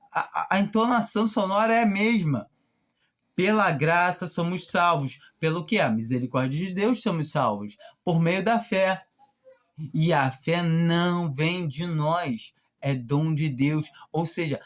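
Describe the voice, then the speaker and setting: A preacher giving an informal gospel sermon, repeating words for stress and reading Bible verses aloud slowly. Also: medium pitch. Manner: slow, emphatic, repeats words and phrases for stress; reads scripture aloud more slowly and a bit louder.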